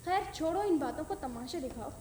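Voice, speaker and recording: A woman voicing a cheeky, quick-witted young girl who teases her brother, in an echoey room. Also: high-pitched, animated, warm tone, distant mic, a little hiss or hum. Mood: teasing. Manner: playful bickering, then stammering in fright.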